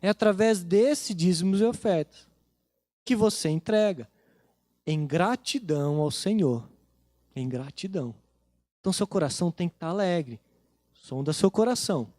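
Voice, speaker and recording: A man's voice: sits high, lively intonation, moderate pace, pauses often, dark tone, no echo, clean studio sound. A man with a Brazilian accent, a pastor preaching a sermon in a chatty storytelling way, retelling talks with his family. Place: church.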